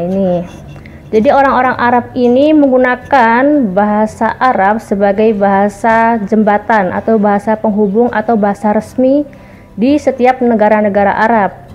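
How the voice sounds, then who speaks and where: A chatty woman vlogger walks her viewers through a list of points, calling them guys along the way. Her voice sits a little high. The sound is a bit muffled, with faint music underneath. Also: a little mellow. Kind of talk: casual explainer vlog.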